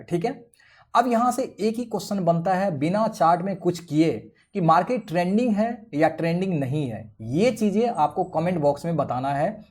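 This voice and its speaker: A man's voice: on the high side, darkish tone. A man giving a step-by-step chart-reading tutorial over a screen share. He keeps checking in with his viewers as he explains. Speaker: trading educator.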